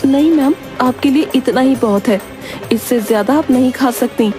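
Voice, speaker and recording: A woman's voice: sits high, moderate pace, over music, lightly acted. A woman voicing a strict but polite young dietitian. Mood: firm. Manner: firm, polite.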